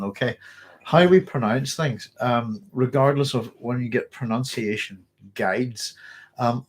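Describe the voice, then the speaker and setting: Speaking with a medium-pitched, slightly breathy voice, a man from Northern Ireland chats through a casual live stream and reads out comments. He rambles, using lots of fillers and restarts, and his throat is tickly with a cough.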